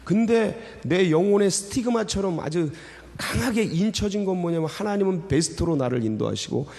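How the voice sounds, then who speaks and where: A man's voice: high voice, lively intonation, moderate pace, creaky, a little mellow. A man preaching an early morning sermon in a church, talking in a loose, emotional way and often breaking off to restart his sentences. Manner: emotional, conversational preaching with many fillers and restarts. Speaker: pastor. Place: church sanctuary. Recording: church hall reverb.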